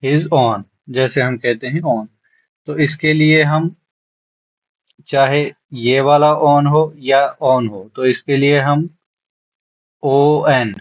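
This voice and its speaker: A man's voice: mid-range voice, lo-fi sound. A man teaching a beginners' lesson, spelling out words letter by letter and repeating them patiently. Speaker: shorthand teacher. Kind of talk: classroom lesson.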